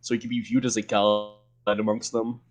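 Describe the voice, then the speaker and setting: A podcast co-host in casual chat, explaining things matter-of-factly and slipping in dark jokes. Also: male voice, lowish voice, little pitch movement, normal speed.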